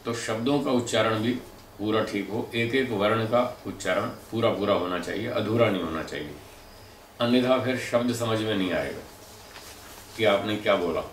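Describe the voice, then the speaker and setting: Male lecturer, deliberate and explanatory, a bit low; echoey room, faint background noise. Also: recorded from a distance. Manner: measured and explanatory, demonstrating pronunciations aloud. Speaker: lecturer on speech and pronunciation. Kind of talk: spoken lecture.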